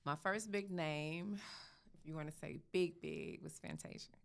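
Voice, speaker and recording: Low, gravelly-voiced woman telling her story. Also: unhurried. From St. Louis, USA. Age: young adult. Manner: relaxed, chatty, many fillers and quoted dialogue. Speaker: makeup artist guest. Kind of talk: casual interview storytelling.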